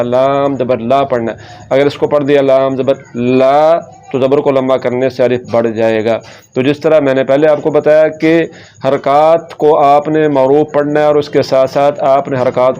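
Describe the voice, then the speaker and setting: A man teaching Quran reading rules, sounding out syllables slowly and patiently and pointing out common mistakes. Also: mid-range voice, warm tone, clear, resonant tone, lo-fi sound. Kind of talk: slow tajweed lesson, syllable drills.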